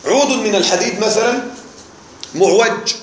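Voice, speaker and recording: A man's voice: high-pitched, normal speed, reverberant, a little hiss or hum. A man teaching an Arabic grammar lesson to a live class, explaining patiently, repeating key words and checking that the students are following.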